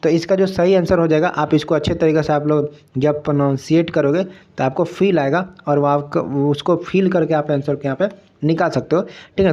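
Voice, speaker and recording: A man's voice: fairly high pitch, mellow. A man teaching an online exam prep lesson, explaining step by step and often checking that students follow. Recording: muffled lo-fi recording.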